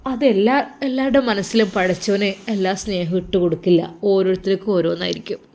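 Consoling younger brother, soft and reassuring, voiced by a woman. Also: medium pitch, fairly even intonation, quick pace, lightly acted. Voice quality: soothing, reassuring. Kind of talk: storybook narration.

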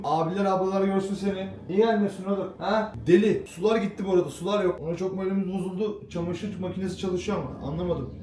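A man's voice: mid-range voice, warm tone, echoey room, slight background noise. A young man vlogging casually at home, joking around and scolding his cat in slangy talk. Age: young adult. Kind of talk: casual vlog chat. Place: small home indoors.

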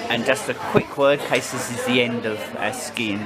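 A man's voice: medium pitch, fairly even intonation, normal speed, rough recording. A man casually narrating his own vlog on a ski slope, chatty and affectionate, filmed with a camera mic. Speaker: vlogger filming his wife skiing. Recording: handheld camera outdoors with loud wind and crowd noise.

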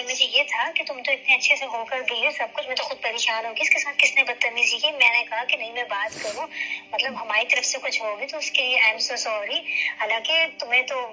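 A woman's voice: fairly high pitch, fairly even intonation, a little fast, pushed and bright. Soothing woman over a tinny phone line. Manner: soothing, apologetic. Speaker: salon staff member on a phone call. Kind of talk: placating phone conversation.

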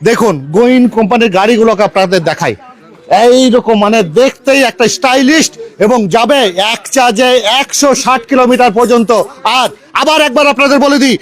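High-pitched West Bengal man announcing offers. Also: fairly quick. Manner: salesy announcing of offers, repeating key phrases. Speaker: on-location presenter and interviewer. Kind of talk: promotional live video commentary.

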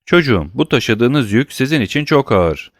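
A man voicing a serious, kind stranger in an audiobook, speaking in a low, measured tone. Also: big pitch swings, no room sound, clean studio sound. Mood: grave. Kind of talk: audiobook character reading.

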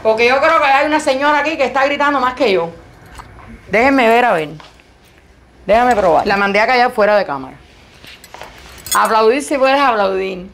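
A woman with a loud, high voice, chatting playfully and joking about herself while she models clothes in a boutique for a vlog. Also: expressive, normal speed, pauses often, slight background noise. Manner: playful, joking, self-mocking.

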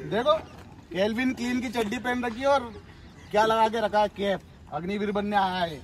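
Young man, army physical trainer, very high voice, brisk teasing commands. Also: steady tone, slight background noise. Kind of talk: instructional coaching video with live drills.

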